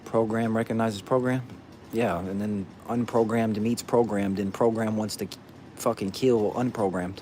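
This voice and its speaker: A man's voice: on the low side, steady tone, normal speed, dark tone, slight background noise. A man answering viewers' questions in casual chat, blunt and profane, tossing "bro" into nearly every thought.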